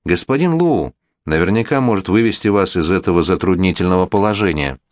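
A man's voice: low-pitched, animated, brisk, no echo, studio quality. A man voicing a worldly, flirtatious middle-aged prince regent in a gallant, insistent manner. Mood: earnest.

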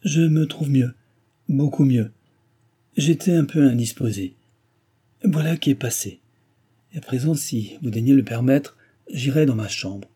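A man's voice: mid-range voice, animated, moderate pace, creaky, hardly any pauses, warm tone, slightly rough. A man reading an audiobook who voices a shaken young heiress speaking with forced composure. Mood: forced calm.

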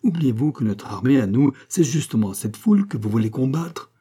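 A man's voice: medium pitch, animated, normal speed, warm tone, breathy edge. A man reading aloud, voicing a dignified, anxious middle-aged male official who pleads and warns.

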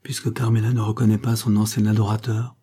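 A man's voice: fairly low pitch, little pitch movement, quick pace, dark tone, slightly rough. A man reading an audiobook, voicing a cold, vengeful male captain who speaks with scorn. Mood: icy scorn. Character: icy vengeful male captain back from exile.

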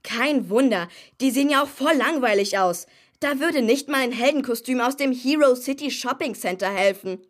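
A young performer voices a chatty, cocky boy superhero in a children's radio play, a hero who loves explaining things. The voice is high-pitched with lively intonation at a normal speed, and the delivery is breezy, eager, casual and full of explanation.

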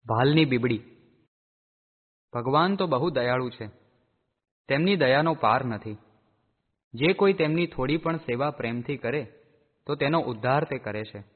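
Man reading out a religious storybook, slow steady delivery, sounds echoey and tinny like a phone call. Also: medium pitch. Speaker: narrator.

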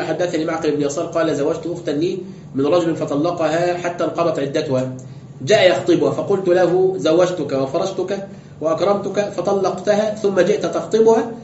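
Fast-talking sheikh lecturing. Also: male voice, on the high side, a little mellow, a little hiss or hum. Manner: explanatory, rhetorical questions, quotes and reads texts aloud. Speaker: sheikh teaching exegesis. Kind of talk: classroom lecture with commentary. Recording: roomy, dull lo-fi lecture recording.

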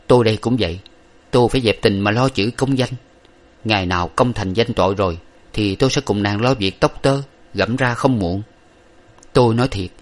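A man's voice: on the low side, lightly acted. A man voicing an earnest young man who reassures his beloved, in an audiobook of an old novel. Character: earnest young man, lover bound for study abroad.

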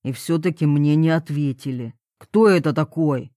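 A woman voicing a jealous, hot-tempered middle-aged military father who blusters and growls low. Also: steady tone, a little slow, warm tone, dry recording, studio quality. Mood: gruff. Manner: gruff, blustering, dropping to a low menace.

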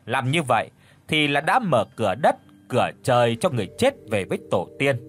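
Storybook role: a commanding older shaman in the voice of a middle-pitched male reader, a man doing it. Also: sing-song, brisk, a little hiss or hum, natural voice. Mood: instructive. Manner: instructive, commanding, ritual explanations.

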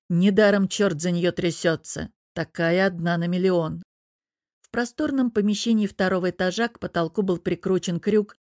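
A woman narrating an audiobook in a steady storytelling manner. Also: fairly low pitch, no echo, studio quality.

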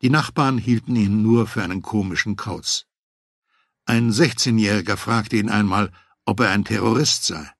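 A man with a low, slightly husky voice reads a first-person memoir as an audiobook. He tells it in a measured, matter-of-fact way. The recording is dry and close, with no room sound. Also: no room sound. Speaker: audiobook narrator.

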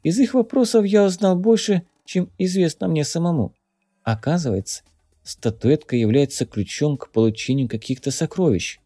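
A man's voice: on the high side, moderate pace, warm tone, no room sound, studio quality, faint music behind, voice pushed up, natural voice. A man voicing a battered, wheezing young captive. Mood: guilty. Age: teens. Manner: wheezing, coughing through his words. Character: battered young man, gloomy and guilt-ridden.

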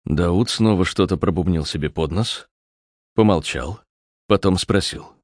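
A man narrating an audiobook with a measured, expressive reading. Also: low voice, dry recording, clean studio sound. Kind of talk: scripted narration.

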